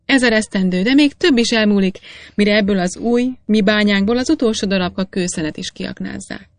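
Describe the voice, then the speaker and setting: A woman reading aloud, voicing a boastful, excitable old male master miner in a storybook. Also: mid-range voice, no echo, lightly acted. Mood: eager. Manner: boastful, insistent.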